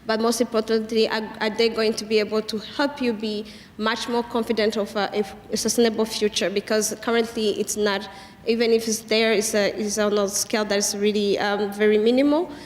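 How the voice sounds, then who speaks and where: A woman's voice: mid-range voice, level tone, a little fast, reverberant, big-room sound. A young woman from Rwanda, a youth climate advocate on a panel, speaking earnestly and steadily.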